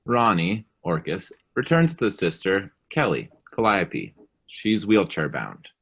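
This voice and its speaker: Male narrator, low pitch, scripted stage-direction reading. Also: big pitch swings, a little slow, gravelly, fairly bright tone, breathy edge.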